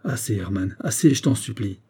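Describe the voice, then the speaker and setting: A man's voice: fairly low pitch, expressive, moderate pace, dark tone, husky, full character voice. A man voicing a proud, heartbroken young soldier with an emphatic delivery in an audiobook reading. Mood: pained. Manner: pleading then heated, emphatic.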